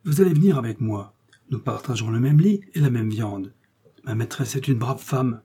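A man's voice: mid-range voice, normal speed, mellow, breathy edge, lightly acted. A man voicing a pampered male house cat who pleads emphatically in a storybook reading. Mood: pleading.

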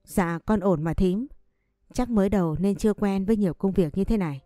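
A woman's voice: mid-range voice, a little fast, dark tone, no room sound, clean studio sound, soft background music, close to an everyday voice. A woman voicing a polite, shy nineteen-year-old maid in a storybook reading. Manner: polite, deferential.

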